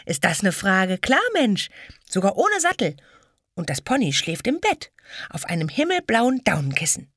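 A woman's voice: mid-range voice, big pitch swings, normal speed, fairly bright tone, dry recording, studio quality, pitched above the performer's own voice. A woman voicing a feisty little girl who answers back with pert, indignant scorn. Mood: boastful. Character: feisty little girl, proud and quick-tongued.

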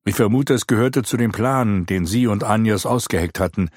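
A man voicing a resolute knight hero, speaking calmly and explaining. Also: on the low side, moderate pace, slightly rough, no echo, clean studio sound, pitched above the performer's own voice. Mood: earnest. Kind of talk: audiobook character reading.

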